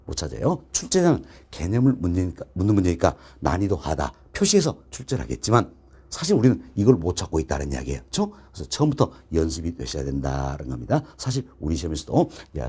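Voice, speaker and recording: A man's voice: low-pitched, warm tone, husky. A middle-aged man teaching a recorded exam-prep lecture, quizzing students with questions and answering them himself, repeating key phrases. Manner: call-and-response teaching, answers his own questions; repetitive, drilling key phrases. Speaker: real estate exam instructor. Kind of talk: online lecture.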